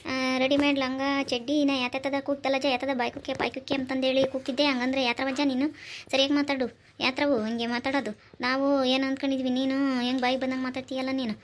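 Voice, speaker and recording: Cartoon woman, voiced by an actor, high, rapid, flat-toned scolding, faint hiss. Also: lightly acted. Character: scolding village woman customer, sharp-tongued. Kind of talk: cartoon voice acting.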